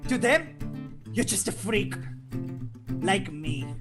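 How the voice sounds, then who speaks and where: At a film script table read, with live guitar playing behind her, a woman voices a gleeful, taunting male criminal madman. Her medium-pitched voice is sing-song and slow, drawling theatrically, sly and mocking, and breaking into cackles.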